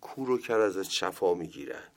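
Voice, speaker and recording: A man voicing an anxious man who chases after someone and pleads with him to stop, rushing his questions. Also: low voice, animated. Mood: pleading. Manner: urgent pleading, rapid questions.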